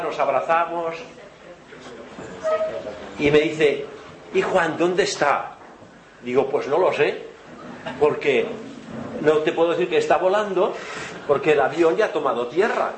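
A man's voice: a little high, slow pace, long pauses. A man telling a long funny anecdote to a live audience, chatty and often laughing. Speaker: event organizer. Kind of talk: storytelling to an audience. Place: lecture hall with audience. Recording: roomy hall with noise.

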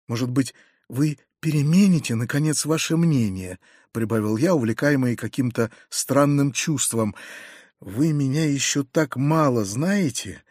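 Male audiobook narrator, first-person literary reading, husky, dry close sound. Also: medium pitch, no room sound. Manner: earnest, expressive reading.

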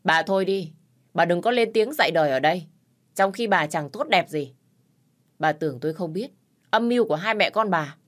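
A woman voicing a hot-tempered young man who shouts back defiantly and curses. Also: lowish voice, expressive, moderate pace, lightly acted. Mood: furious.

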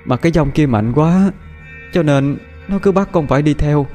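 A man voicing a frightened, grieving young village girl, speaking in a soft, halting way. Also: a little high, soft background music, natural voice. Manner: soft, halting, tearful storytelling.

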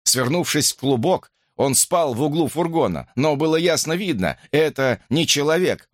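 A man narrating an audiobook in an expressive, animated reading. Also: a little high, moderate pace, no room sound, studio quality.

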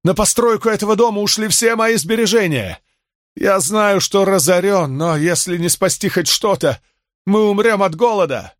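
A man's voice: lowish voice, expressive, normal speed, fairly bright tone, slightly rough, no echo, studio quality. A man voicing a desperate, ruined middle-aged shopkeeper in an audiobook, in a strained, pleading voice. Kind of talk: audiobook character voice.

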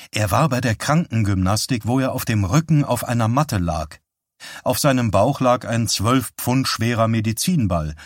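A man narrating an audiobook in a calm, even reading voice. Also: medium pitch, no room sound, clean studio sound. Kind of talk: scripted narration.

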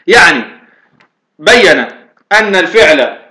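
A man's voice: high-pitched, sing-song, a little slow, sharp tone. A man from Tunisia teaching a lesson, explaining step by step and putting questions to himself before he answers them. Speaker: teacher of Arabic morphology. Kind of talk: lecture explaining a grammar poem. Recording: echoey room.

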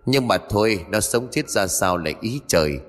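A man's voice: fairly low pitch, animated, normal speed, big-room sound. A man voicing a cruel, domineering male ghost who talks in a threatening, commanding way. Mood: mocking.

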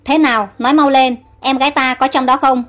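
High-voiced fierce warrior queen, read by a woman, commanding and urgent. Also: fairly even intonation, brisk, fairly bright tone, soft background music. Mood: impatient. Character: proud fierce young Amazon warrior queen.

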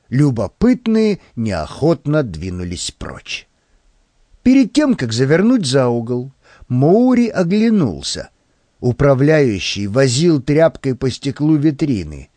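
A man narrating an audiobook in an expressive storytelling manner. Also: medium pitch, no echo. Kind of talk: scripted narration.

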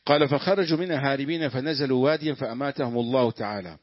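Male student reader, brisk, classical text, dull lo-fi recording. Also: mid-range voice, no room sound. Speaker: student reading the text aloud. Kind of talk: reading a classical text aloud.

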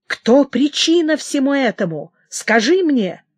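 A woman reading the part of a furious, unhinged young king who shouts in hysterical outbursts. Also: fairly high pitch, sing-song, slow, no room sound, clean studio sound, exaggerated voice. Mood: raging.

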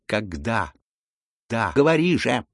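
A man voicing a hot-tempered, imperious older noblewoman in an audiobook, with sharp scolding outbursts and a gravelly, husky voice. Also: on the low side, big pitch swings, normal speed, dry recording, clean studio sound, exaggerated voice. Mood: furious. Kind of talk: audiobook character reading.

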